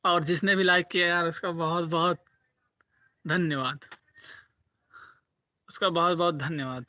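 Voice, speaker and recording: High bright young man live-streaming. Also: fairly even intonation, unhurried, no room sound. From Sultanpur region, Uttar Pradesh. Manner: chatty, keeps adding "okay" and repeating himself. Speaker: vlogger hosting a live stream. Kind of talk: casual live-stream chat to viewers. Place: outdoors by a lake. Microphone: phone mic, no separate microphone.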